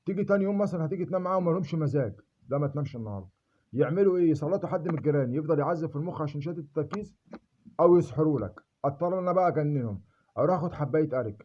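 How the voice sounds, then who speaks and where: A man's voice: a little high, lo-fi sound. A man with an Egyptian accent in a rambling personal monologue, emphatic and swearing oaths to be believed. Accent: Egyptian Arabic.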